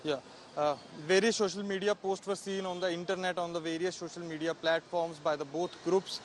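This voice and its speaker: High-voiced Indian male reporter, street noise. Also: steady tone, fairly quick. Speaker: field reporter. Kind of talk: live investigative news report. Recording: faint outdoor traffic noise on live link.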